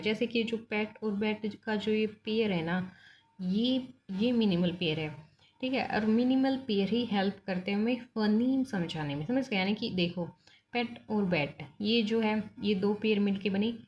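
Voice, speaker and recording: A woman's voice: mid-range voice, darkish tone, lo-fi sound. A woman teaching phonology for exam preparation, mixing Hindi with English in Indian-accented English. She explains step by step and keeps checking that her students follow. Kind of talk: bilingual exam-prep lecture.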